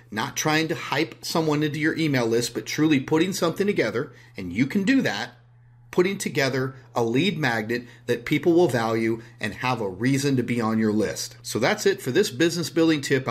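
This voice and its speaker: A man hosting a business tips show, talking through an online marketing example and repeating words for emphasis. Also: medium pitch. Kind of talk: online marketing tip talk.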